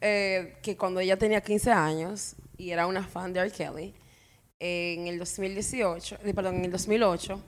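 A woman's voice: fairly low pitch, steady tone, normal speed, a little hiss or hum. A woman with a Dominican Spanish accent telling stories casually as a podcast co-host, using slang and slipping in English phrases. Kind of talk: casual conversational storytelling.

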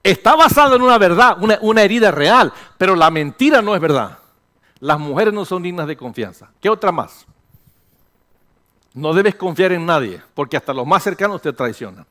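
An older man gives a sermon-style teaching, his voice sitting a bit higher than most men's. He is animated and joking with the congregation, then drops into a hushed, low tone. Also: moderate pace. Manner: animated, jokes with the congregation, mixes English phrases. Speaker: pastor.

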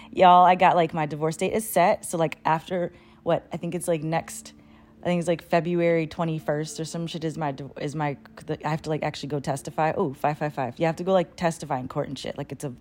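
Candid, sweary woman, lower-pitched voice. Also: darkish tone. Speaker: solo vlogger and podcaster. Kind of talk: casual rambling chat to followers.

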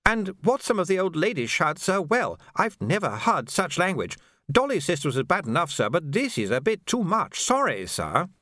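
A jittery young soldier blurts out bad news in a high, strained voice, as a man puts him on. He is deferential, keeps adding "sir", and sounds close to panic. The delivery is lively, and the recording is dry and close. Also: normal speed, dry recording, full character voice. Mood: nervous, apologetic. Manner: anxious, stammering, deferential. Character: nervous young male sub-lieutenant messenger.

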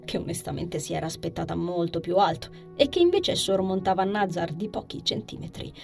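A woman reading a fantasy novel aloud as a narrator, expressive, sometimes dropping to a soft whisper. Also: on the low side. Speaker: audiobook narrator.

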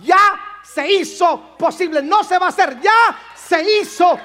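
A pastor with a strikingly high voice preaches a sermon at an unhurried pace. His delivery is emphatic and repetitive, swelling into shouts at its peaks.

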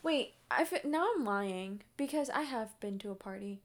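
A woman's voice: mid-range voice, normal speed. Chatty young woman telling a story. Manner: animated, filler-heavy, swearing. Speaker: vlogger. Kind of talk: casual storytelling chat.

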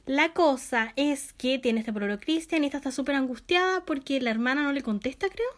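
A young woman with a Chilean accent chats casually on a podcast she co-hosts. Her voice sits high, and she rambles and laughs as she goes. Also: animated, brisk. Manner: chatty, laughs often, trails off. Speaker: podcast co-host. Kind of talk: casual chat.

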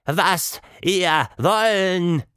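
Male narrator as twitchy sewer mouse, squeaky broken speech, close dry read. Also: a bit bright, smooth, dry recording, heavily acted. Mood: panicked. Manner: squeaky, halting broken phrases. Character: nervous sewer mouse, speaks broken German.

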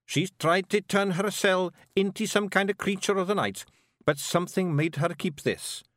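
A man voicing a tough, bossy little male fairy clan leader with a Scottish accent and a gruff, blunt way of talking. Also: high-pitched, normal speed, fairly bright tone, dry recording, studio quality, voice pushed up. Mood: scheming.

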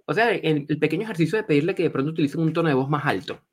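Man with a higher voice explaining patiently. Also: very fast, husky. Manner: explains patiently, drives points home by repeating them. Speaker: clinical psychologist, podcast guest. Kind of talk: explanatory podcast conversation.

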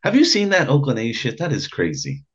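A man hosting a podcast, chatting casually and firing off lively questions. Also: mid-range voice, slightly rough, muffled recording. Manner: lively, questioning, quick asides. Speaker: podcast host.

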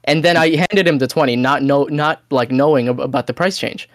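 A man's voice: mid-range voice, fairly quick, no room sound, clean studio sound. A young man chatting casually on a podcast, telling stories in a laid-back way with blunt asides. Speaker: podcast co-host. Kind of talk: casual chat.

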